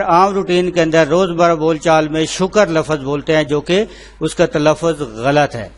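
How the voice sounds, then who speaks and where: A man teaching an online lesson, spelling words out letter by letter in a slow, deliberate way and answering his own questions. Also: a little high. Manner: repeats filler phrases, asks and answers himself.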